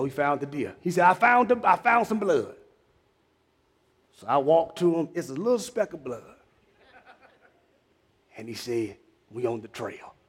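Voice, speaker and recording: A man preaching a sermon, telling a hunting story and building up to shouted preaching in a church cadence. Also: high-pitched, husky.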